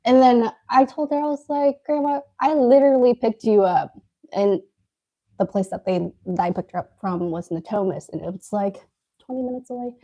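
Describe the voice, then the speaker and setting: A woman's voice: mid-range voice, animated, brisk, warm tone, breathy edge, dull audio. A woman co-hosting a casual live stream, telling a story while eating and laughing often. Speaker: co-host.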